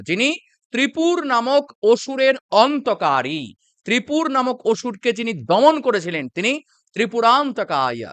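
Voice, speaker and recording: A man with a Bengali accent teaching a devotional mantra, chanting it slowly and then explaining its meaning line by line. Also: extremely high pitch, dry recording. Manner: slow drawn-out chanting, then steady explanation.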